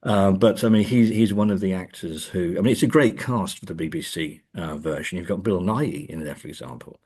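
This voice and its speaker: Low, husky and darkish, his voice moves fairly quickly as he talks through literature and film as an interview's academic guest. He searches conversationally for his points and leans on key words.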